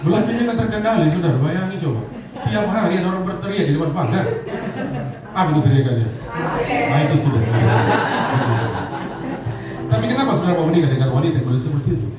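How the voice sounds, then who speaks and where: A man's voice: a little high, expressive, quick pace, loud music behind the voice. Man preaching in an echoey church hall. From Indonesia. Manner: humorous preaching, calls on the congregation to respond. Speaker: pastor. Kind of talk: sermon. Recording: echoey hall, distant mic, background noise.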